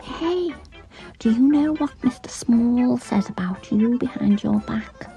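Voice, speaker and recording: A woman voicing a gleeful, mischievous little cartoon girl with a gloating, singsong, drawn-out delivery. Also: fairly high pitch, animated, creaky, warm tone, faint music behind, full character voice, rough recording. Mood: sly, teasing. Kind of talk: children's cartoon voice acting.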